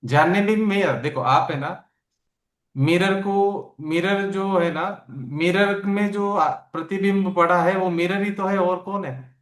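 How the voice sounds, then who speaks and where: A man giving a spiritual scripture lesson, explaining slowly and asking his listeners questions, with homely examples. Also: high-pitched, echoey room. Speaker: spiritual teacher.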